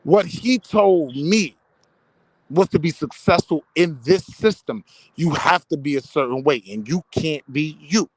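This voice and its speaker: A man's voice: on the high side, expressive, a little slow, husky, no room sound, rough recording. An American man in a casual debate, explaining his points emphatically and with slang. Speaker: panel discussion participant.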